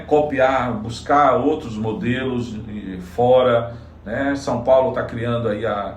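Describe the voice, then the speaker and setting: A man's voice: mid-range voice, echoey room, far from the mic, a little hiss or hum. A man from Salvador, a psychologist, giving earnest, explanatory interview answers with frequent restarts. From Salvador, Bahia, Brazil. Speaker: psychologist and political candidate.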